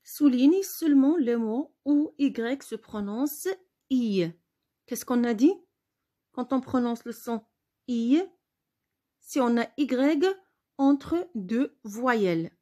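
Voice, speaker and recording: Slow, mellow-voiced woman teacher. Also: on the high side. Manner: patient, repeats words slowly for pupils. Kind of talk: spelling lesson for pupils.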